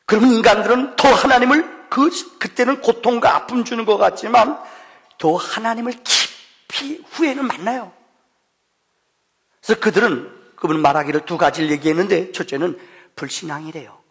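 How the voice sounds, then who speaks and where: A middle-aged man preaches a Thanksgiving sermon with a high, gravelly voice. He tells stories animatedly, jumping from loud bursts to near whispers and acting out quoted voices. The sound rings with the long reverb of a church hall. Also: normal speed. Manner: lively storytelling with sudden loud and soft swings; acts out quoted voices of his son. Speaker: pastor. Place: church sanctuary.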